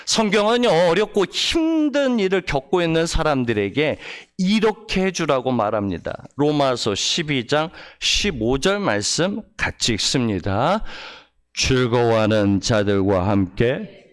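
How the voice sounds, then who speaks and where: A male pastor delivers a Sunday sermon with a fairly high, very lively voice. He preaches with feeling, asks the congregation rhetorical questions and swings between hushed low phrases and raised emphatic ones. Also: a little slow, few pauses. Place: church service.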